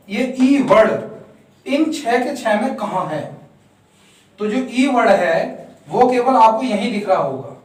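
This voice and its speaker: A man teaching a shorthand lesson step by step, counting out strokes and answering his own questions. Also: high voice. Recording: very echoey room, voice far from mic.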